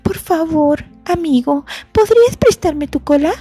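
A woman's voice: high voice, animated, measured pace, warm tone, no room sound, soft background music, voice pushed up. A woman voicing a small, polite young girl lizard who asks sweetly and hopefully for help. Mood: pleading. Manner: pleading, sweet and childlike.

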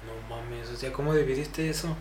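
A man's voice: medium pitch, moderate pace, a crowd in the background. A man, giving short slangy reactions in a casual podcast chat. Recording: noisy echoey room.

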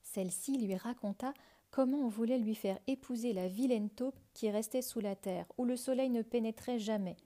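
Female storyteller, fairy tale reading, calm and measured, mellow, fairly high.

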